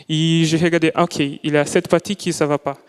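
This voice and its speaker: A man's voice: fairly high pitch, flat delivery, a little fast, clean tone. A young man whose first language is not French, presenting his student project live in a lecture hall, speaking carefully and often restarting as he searches for words. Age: young adult. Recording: long hall reverb.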